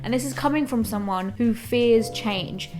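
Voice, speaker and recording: A woman's voice: a little high, a little slow, over music. A British woman in her twenties talking casually and candidly to viewers, like a reflective personal vlog. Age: 20s. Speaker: vlogger. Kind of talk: casual chat to camera.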